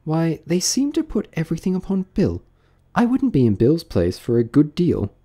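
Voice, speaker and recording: Guy putting on a curious little storybook girl, higher lilting voice, prim, musing to herself. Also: wildly swooping pitch, moderate pace, mellow, breathy edge, full character voice. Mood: wondering. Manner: musing, prim, self-questioning.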